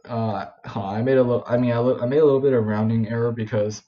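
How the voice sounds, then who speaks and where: A man's voice: mid-range voice, fairly even intonation, fast talker. A young man talking through a physics problem in a casual, informal way, with lots of ums, "right?" and self-corrections as he works it out. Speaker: physics tutor. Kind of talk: casual whiteboard problem walkthrough. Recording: dull lo-fi home recording.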